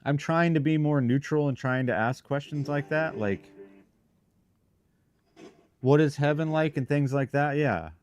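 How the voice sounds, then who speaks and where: Speaking at a moderate pace with few pauses, a mid-range male livestream host chats with his viewers from a shop. He's a paranormal investigator, and his talk is informal, rambling, and full of broken phrases as he thinks out loud.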